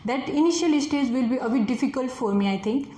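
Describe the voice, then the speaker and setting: A woman in her twenties, a forest officer and native Nepali speaker with a Nepali accent, answers exam questions hesitantly, full of fillers. Her voice is high-pitched and dark, with a brisk pace. The room sounds echoey, with faint noise.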